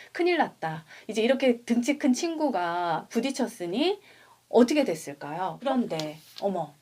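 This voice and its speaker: A woman in her thirties reading a picture book aloud to expecting mothers, pausing to comment and speaking to them directly. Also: a little high. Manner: expressive, addresses mothers directly. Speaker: prenatal storyteller for mothers.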